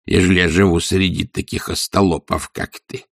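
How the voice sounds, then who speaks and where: A man voicing a grumpy old miser who growls his scornful retorts in a low, half-whispered mutter. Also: level tone, normal speed, no echo, studio quality. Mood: grumbling.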